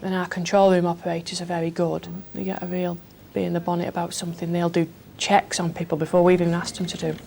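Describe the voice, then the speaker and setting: A woman police officer speaks in a low, flat, gravelly voice, explaining things matter-of-factly. Clear background noise sits behind her. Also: quick pace, few pauses. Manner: plain, matter-of-fact explaining. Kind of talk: interview.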